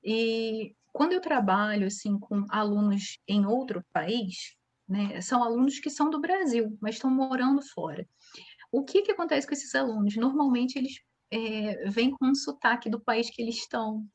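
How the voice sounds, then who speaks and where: A woman from Brazil who teaches English speaks in a fairly high voice. She answers interview questions in a relaxed, chatty way, full of little fillers, and explains her points with examples. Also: moderate pace.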